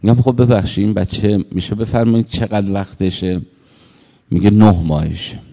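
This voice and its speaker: Male preacher, low and warm, tells anecdotes in a reverberant hall. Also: steady tone. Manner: storytelling, acting out the people in his stories. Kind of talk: sermon with anecdotes.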